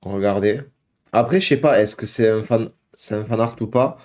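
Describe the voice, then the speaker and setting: Speaking at a normal pace, this young man has a lowish voice with a somewhat dark tone. He's at home hosting a casual reaction video, chatting to viewers he addresses as "guys," hesitating often and leaning on filler words.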